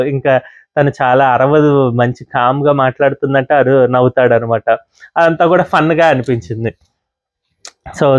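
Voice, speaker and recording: A man's voice: mid-range voice, no room sound, highs cut off. A man reviewing a reality show episode in a casual, chatty monologue, dropping English words in among his talk. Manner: chatty, mixes in English words, many fillers.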